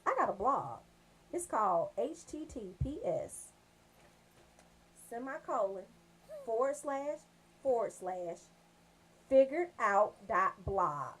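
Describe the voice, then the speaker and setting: A fairly high-pitched American woman with big pitch swings takes it slowly, leaving long pauses, as she hosts a casual radio show. She's slangy and joking, bantering directly with listeners, and there's slight background noise.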